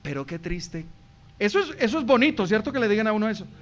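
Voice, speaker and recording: A man preaching a sermon as pastor in a church, swinging between quiet stretches and loud passages and asking the congregation rhetorical questions. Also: high-pitched, very animated, fast.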